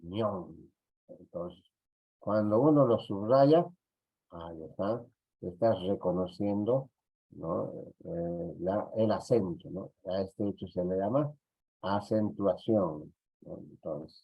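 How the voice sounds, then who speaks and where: A Peruvian man teaching an online class, talking slowly and checking in with short tag questions. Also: sits low, gravelly, breathy edge. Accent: Peruvian Spanish. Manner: slow, repetitive, tag questions. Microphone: computer mic on a video call. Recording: dull lo-fi audio.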